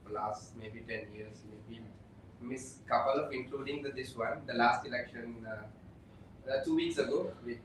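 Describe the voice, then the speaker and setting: Talking casually on a panel, a medium-pitched Sri Lankan man who works as an election observer and program officer stumbles through frequent pauses, fillers and restarts. He sits at a shared indoor table alongside other guests, and the distant mic captures an echoey room and a noisy background.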